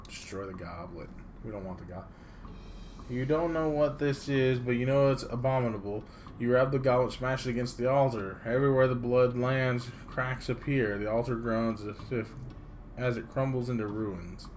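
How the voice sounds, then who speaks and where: A man's voice: medium pitch, a little mellow, a little hiss or hum. Man narrating a game playthrough. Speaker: gamer reading a game aloud. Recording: music playing behind the voice. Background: game music with guitar.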